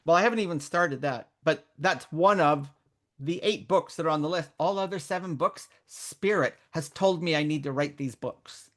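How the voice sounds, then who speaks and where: A woman's voice: deep voice, normal speed. A middle-aged woman raised in Canada, speaking as a guest mentor in a candid interview, earnest and reflective, often restarting her sentences. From born in Northern Ireland, raised in Canada.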